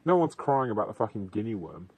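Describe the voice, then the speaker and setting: Young British male podcaster, lowish voice, dry open-air sound, rambling, sweary, wry. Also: very animated, fast talker, dark tone, dry recording. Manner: dry humour, sweary, slangy. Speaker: podcast host. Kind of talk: casual rambling chat. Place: outdoors in a field at night.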